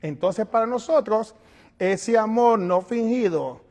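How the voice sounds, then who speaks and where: A male pastor preaching a sermon, animated, moving between quiet asides and loud calls, and acting out little scenes. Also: high voice, slow pace, long reverb tail. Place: church sanctuary.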